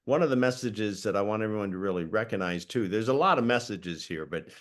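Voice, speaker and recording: A man's voice: on the low side, expressive, quick pace. Earnest man giving motivational talk. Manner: earnest, encouraging, addressing the audience. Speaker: host, coach. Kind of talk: motivational talk on a video call. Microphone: video call.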